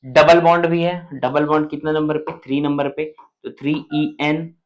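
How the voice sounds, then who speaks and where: Male chemistry teacher, slightly high voice, walks through each step and keeps checking the class follows. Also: flat delivery, normal speed, dull audio. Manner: colloquial, matter-of-fact explaining. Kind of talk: classroom lecture.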